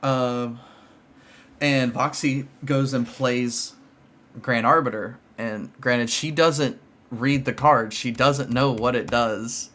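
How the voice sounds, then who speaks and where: A man's voice: mid-range voice, fairly even intonation, takes it slowly, a bit bright. A man hosting a podcast, chatting casually and rambling with lots of fillers and restarts. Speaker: podcast host. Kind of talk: casual chat about card games.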